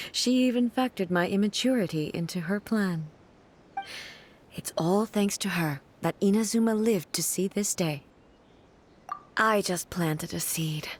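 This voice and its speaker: A woman's voice: mid-range voice, measured pace, long pauses, a little hiss or hum, close to an everyday voice. A woman voicing a dignified, resolute female ruler in an anime game, speaking in a formal, restrained way. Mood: restrained, reflective. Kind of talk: anime video game dialogue. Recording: music playing behind the voice.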